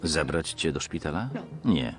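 A man reading a voice-over translation of a series in an even, detached way. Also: a bass voice, unhurried, over music. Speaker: voice-over reader. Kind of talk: flat Polish voice-over reading.

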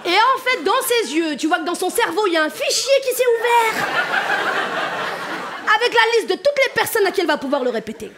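A woman with a Paris-suburbs accent works a stand-up crowd in a high, bright voice. She talks fast and chatty, addressing the room directly. She is miked on a comedy stage. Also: very animated, very noisy. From France. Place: comedy stage before a live audience.

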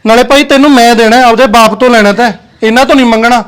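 A man's voice: extremely high pitch, steady tone, fast talker, a bit bright, clear, resonant tone. A man playing a stern old village father. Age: older. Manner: firm and scolding.

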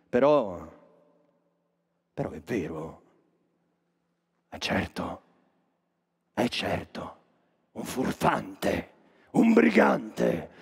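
An actor playing a sly, cynical chapel master, speaking a theatrical monologue straight to the audience in a sardonic, declamatory manner. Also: male voice, high-pitched, darkish tone, heavily acted. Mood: mocking. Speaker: stage actor. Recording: long reverb of a stage hall.

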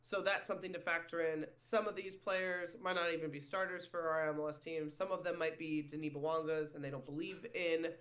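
A man's voice: on the high side, level tone, fairly quick, hardly any pauses, fairly bright tone. A man hosting a casual sports podcast, chatty and self-deprecating, often saying "if you will". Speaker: podcast host.

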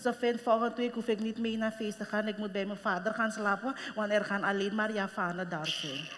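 A woman's voice: mid-range voice, steady tone, fairly quick, a bit bright, lightly acted. A woman playing a hurt, indignant young wife with a Surinamese Dutch accent, complaining emphatically in a live stage comedy. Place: large concert hall stage. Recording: long hall reverb, faint noise.

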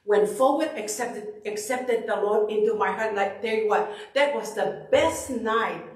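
A middle-aged woman from Tonga preaching a sermon into a handheld mic in a church sanctuary, animated and emphatic, often repeating herself. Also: medium pitch, measured pace. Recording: echoey hall, far from the camera.

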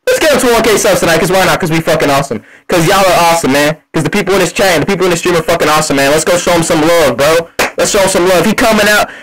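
Fast-talking man through a voice changer. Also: fairly high pitch, fairly bright tone, slight background noise, low-quality recording. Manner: loose slangy hype, repeats himself. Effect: voice changer on his voice. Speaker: livestream host. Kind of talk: hyped casual livestream talk.

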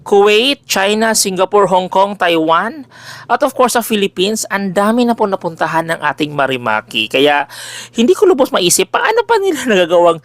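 Talking at a moderate pace, this page owner and remedy-selling folk healer addresses his followers directly in a relaxed, lively way. His big, loud voice sits high with no echo, and he swaps between Tagalog and English, tossing in jokes and exclamations.

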